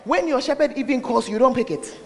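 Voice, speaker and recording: A man's voice: very high-pitched, fast talker, creaky, a crowd in the background, noisy background. A man with a Ghanaian accent preaching a sermon, scolding and questioning listeners directly, his voice slightly muffled by a face mask. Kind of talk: sermon to a congregation. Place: large reverberant church. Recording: long hall reverb.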